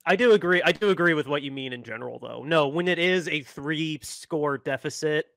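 A man's voice: fairly high pitch, fairly quick, vocal fry, a bit bright, dry recording. Hedging male podcast co-host. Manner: hedging, frequent filler "no". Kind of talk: casual sports podcast chat.

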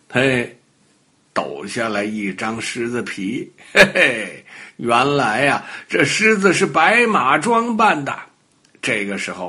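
Older man telling a lively bedtime story. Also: mid-range voice, slightly rough. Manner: animated, expressive, with sound effects. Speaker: children's storyteller. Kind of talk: children's bedtime story narration.

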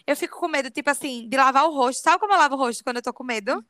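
A young podcast co-host tells a spooky story in a racing, high-pitched voice, insisting animatedly that she's telling the truth. The sound is clean studio audio with no room sound.

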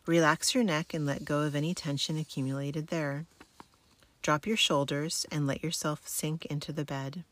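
A low-pitched woman reads a guided relaxation like a sleep narrator. She gives soothing step-by-step instructions in an unhurried way. The recording is close and dry. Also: no room sound. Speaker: wellness instructor giving guidance and homework.

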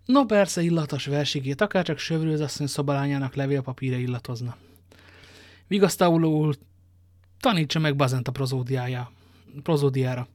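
Brief: a man voicing a dashing young musketeer, playful and quick-witted, in a dry storybook read. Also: medium pitch, no echo, close to an everyday voice. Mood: bantering. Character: young dashing male musketeer, bold and teasing.

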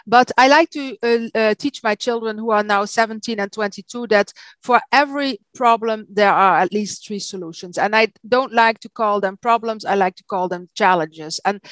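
A woman in her forties speaks English with a Dutch accent, her first language being Dutch. She talks in a halting way, full of fillers and restarts, at a somewhat high pitch. Her voice sounds dry and close, as on a video call. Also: a bit bright, no room sound. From south of the Netherlands. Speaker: guest. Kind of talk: casual interview chat.

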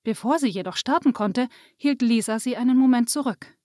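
High-voiced woman reading a story. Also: brisk, a little mellow, dry recording, studio quality. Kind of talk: reading a children's story aloud.

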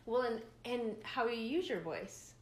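A woman's voice: fairly high pitch, animated, measured pace. A middle-aged woman co-hosting a podcast in casual chat, rambling with lots of fillers and frequent laughter. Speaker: podcast co-host. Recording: echoey room, faint noise.

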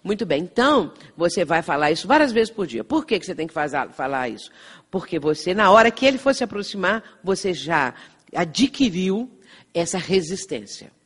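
A woman's voice: lowish voice, very animated, normal speed, breathy edge. A woman with a Brazilian Portuguese accent gives a lecture, earnest and explanatory. She keeps tagging her points with little checks to the listeners. Her voice rings with the long reverb of a hall. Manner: earnest, explanatory, frequent "não é?" tags. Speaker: spiritist lecturer. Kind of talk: lecture with anecdotes.

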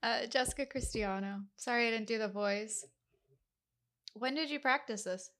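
A woman co-hosting a podcast in casual comedic chat, giggly and quick to apologize. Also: fairly high pitch, a bit bright. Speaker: podcast co-host.

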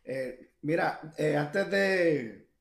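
A man's voice: on the high side, expressive, extremely slow, gravelly, reverberant. A young Puerto Rican man, a musician guest on a video call, talking in a rambling way with many fillers and restarts. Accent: Puerto Rican Spanish. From Puerto Rico. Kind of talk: casual interview talk.

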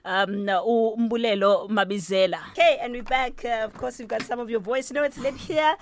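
A woman's voice: fairly high pitch, steady tone, moderate pace. A South African woman presenting casually live on radio as host, with a South African accent.

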